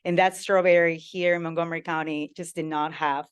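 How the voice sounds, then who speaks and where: A woman's voice: deep voice, little pitch movement, brisk, smooth. A woman from Peru, a food company founder giving an engaging talk and asking the audience questions.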